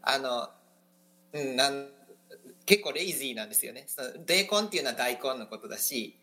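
A man from Okayama co-hosts a relaxed podcast conversation. His voice is bright and forward. He thinks aloud with many fillers and small pauses. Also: medium pitch, poor audio. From Okayama, Japan. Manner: thoughtful, hesitant, frequent fillers. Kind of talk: casual conversational chat.

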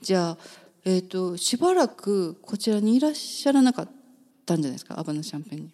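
A woman from Kyoto with a Kansai accent, hosting a casual live talk show from a radio studio and chatting with quick side remarks. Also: fairly low pitch, big pitch swings, mellow. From Kyoto, Japan.

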